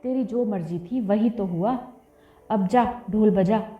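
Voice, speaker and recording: A woman's voice: mid-range voice, takes it slowly, lightly acted. A woman voicing a stubborn, weary young village husband who speaks sulkily and bitterly. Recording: tinny phone-like audio, roomy, faint music.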